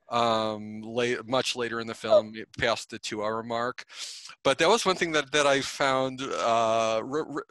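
A man hosting a casual film commentary, talking in halting bursts with many repeated words and restarts. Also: medium pitch, sharp tone, dry recording.

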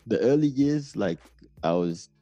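A man's voice: fairly low pitch, lively intonation, unhurried, mellow, no echo, faint music behind. A man in his thirties from Namibia with a Namibian accent, telling stories in a laid-back, rambling way during a casual conversation. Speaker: guest.

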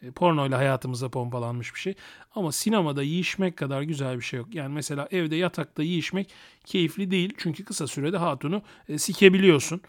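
A man's voice: fairly high pitch, a little fast. A man hosting an unscripted solo podcast, talking in a crude, boastful, joking way and often chuckling. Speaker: podcast host.

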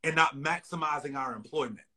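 A man with a slightly husky voice hosts a casual podcast conversation. He talks in an energetic, preachy motivational way, firing off rhetorical questions and pushing listeners to act. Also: fairly high pitch, fairly quick. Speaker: podcast host.

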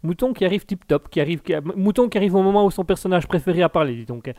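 A man's voice: high-pitched, fast, mellow, no echo, studio quality. A man hosting a live online talk show, rambling and often repeating words. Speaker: host.

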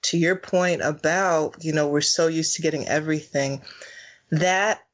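A woman co-hosting a podcast in casual chat, expressive and stretching words slowly for emphasis. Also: low voice, dull audio. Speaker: podcast co-host.

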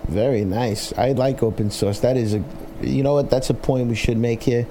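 A man with a Brooklyn accent hosting a casual interview, enthusiastic but halting, often repeating his words. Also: mid-range voice, steady tone, warm tone, slight background noise. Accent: Brooklyn, New York. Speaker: interviewer, host.

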